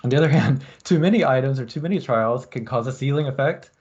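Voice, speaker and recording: A man lecturing at a university, explaining experiment design in a relaxed way and thinking aloud with frequent ums. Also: medium pitch, fast talker, highs cut off.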